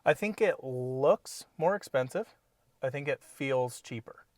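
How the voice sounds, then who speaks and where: A man's voice: mid-range voice, lively intonation, darkish tone, no echo. Easygoing man giving car opinions. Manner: easygoing, agreeable, measured opinions. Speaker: co-host reviewing cars. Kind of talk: casual car review chat. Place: inside a parked car.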